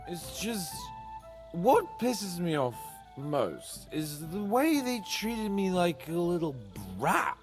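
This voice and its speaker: A man's voice: sits high, sing-song, takes it slowly, exaggerated voice. An actor playing a brash, boastful young nobleman who bristles at being treated like a child, bantering crudely. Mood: sulky. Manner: crude, joking, loud banter. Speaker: game character. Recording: game audio with music underneath.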